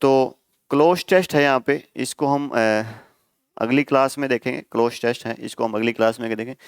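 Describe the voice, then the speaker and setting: A male coaching teacher with a smooth, clear voice, recorded dry and close. He explains vocabulary by asking his students questions and then answering them himself. He checks in with "okay?" constantly and spells hard words out letter by letter. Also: mid-range voice, normal speed, no room sound. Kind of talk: exam-prep vocabulary lesson.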